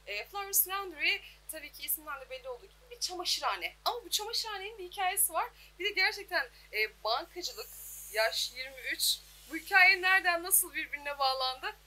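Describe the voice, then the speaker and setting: A woman with a high, bright voice hosts a local TV interview. Her talk is formal and courteous, full of polite address. A faint hum runs behind her in the open workshop. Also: animated, a little fast, rough recording. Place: outdoor laundry workshop.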